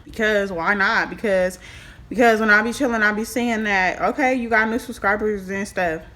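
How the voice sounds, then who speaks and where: Giggly, tipsy young woman, bright voice. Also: mid-range voice, normal speed. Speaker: vlogger giving a makeup tutorial. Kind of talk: casual chat to camera. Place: small room at home, indoors.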